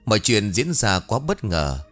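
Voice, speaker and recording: A man narrating an audiobook horror story in a dramatic, expressive way. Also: fairly low pitch, a little slow. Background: faint music.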